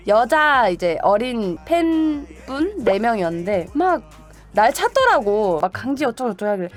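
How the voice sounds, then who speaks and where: A young woman streamer telling stories to her viewers in casual chat, animated, laughing often and acting out other people's voices. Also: on the high side, slow pace, soft background music.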